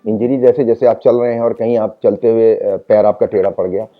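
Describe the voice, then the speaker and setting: A man speaking as the doctor guest on a talk show, explaining calmly and repeating reassurances. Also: on the low side, a little fast. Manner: calm advising, repeats reassurances. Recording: phone-like narrow band.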